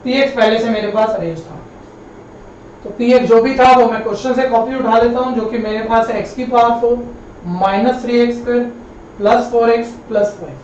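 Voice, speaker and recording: A male maths teacher giving a live online lesson in a classroom, patient and repetitive, often calling his students kids and brother. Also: extremely high pitch. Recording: roomy, distant, dull classroom sound with faint noise.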